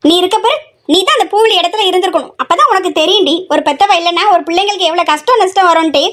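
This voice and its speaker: Woman as a nagging middle-aged mother, high-pitched, constant scolding; comedy skit. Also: racing, a bit bright. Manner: scolding, complaining nonstop.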